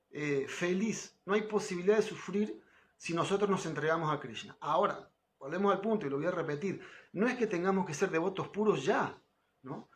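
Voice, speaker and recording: A middle-aged man giving an informal devotional class, talking conversationally and often checking in with his listeners. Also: fairly high pitch. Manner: conversational, frequent tag questions, quotes others with lifted voice. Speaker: spiritual teacher giving a class.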